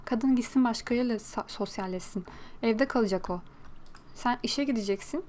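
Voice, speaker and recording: A woman talks through her gameplay in a chatty, teasing way, quick to react to what she sees. Her voice sits fairly high. A faint noise floor runs under the recording. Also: darkish tone. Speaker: gaming video creator. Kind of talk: casual gameplay commentary.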